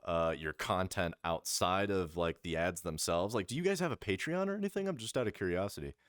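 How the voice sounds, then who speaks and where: A man hosting a podcast in casual chat, animated and swearing freely. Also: deep voice, fairly quick, dry recording, studio quality. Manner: animated, swearing, laughing often. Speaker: podcast host.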